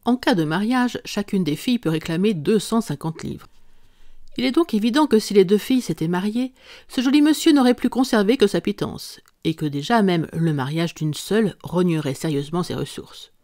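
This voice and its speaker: A composed, dryly amused detective explains his reasoning at an even, unhurried pace, as an audiobook reader voices him. The voice sits in the middle range and sounds close and dry. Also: medium pitch, no echo, natural voice. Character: calm, ironic male detective. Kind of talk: audiobook character reading.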